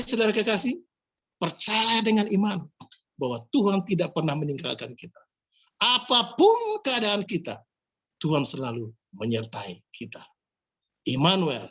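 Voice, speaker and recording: A male pastor delivers a sermon in an emphatic, questioning style, often addressing his listeners directly. His voice is husky and breathy. His pitch swings widely across every phrase. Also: a bit bright. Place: online church service.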